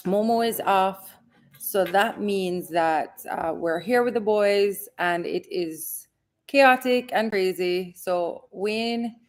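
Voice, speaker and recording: A Jamaican woman in her forties hosting a casual livestream from home, chatting upbeat and reading viewer comments. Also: medium pitch. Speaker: host.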